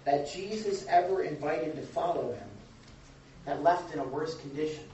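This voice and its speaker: Fairly high-pitched and at normal speed, with a dark tone, a pastor runs a casual Bible study for a group in a church room, chatting, posing questions and chuckling frequently. Slight background noise sits under a dull, lo-fi recording taken from a distance in an echoey room.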